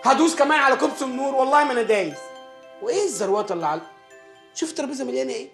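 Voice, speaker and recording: A man's voice: extremely high pitch, lively intonation, racing, creaky, a bit bright, full character voice. A spoiled, petulant man-child with an Egyptian accent in a TV comedy. He whines and sulks at a breakneck pace, and light music plays behind him. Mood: whiny sulking. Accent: Egyptian Arabic. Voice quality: whiny, sulky. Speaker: lead actor in a comedy series. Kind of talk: sitcom acting.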